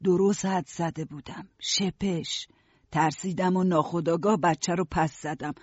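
A husky, slightly high man's voice reads a story aloud in the first person, steady and even. The recording is dry and dull, like a lo-fi studio. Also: no echo. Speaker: narrator. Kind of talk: audiobook narration.

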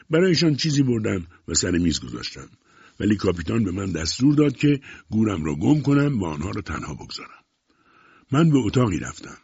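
A man with a husky, somewhat low voice tells a story in a scripted, expressive way, his pitch rising and falling freely. The recording is dry and dull. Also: no room sound. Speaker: audiobook narrator.

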